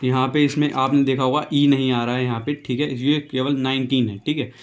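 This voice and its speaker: Soft music plays behind a male English teacher who speaks briskly in a flat, mid-range voice. He gives a casual lesson, spelling words letter by letter, repeating each pronunciation, and checking in with "okay."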